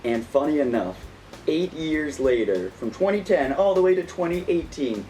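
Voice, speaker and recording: A man's voice: on the high side, lively intonation, normal speed, mellow, recorded from a distance, faint music behind, low-quality recording. A man in his late twenties talking to camera like a kids' party magician, with playful, exaggerated showmanship. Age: late 20s. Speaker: magician and video host.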